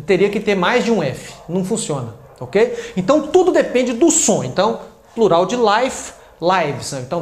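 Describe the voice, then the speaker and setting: Brazilian man teaching in an echoey room. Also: high voice. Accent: Brazilian Portuguese. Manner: chatty, explains with examples, tag questions like "né" and "ok". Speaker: English teacher. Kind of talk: casual explanatory lesson. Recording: roomy echo.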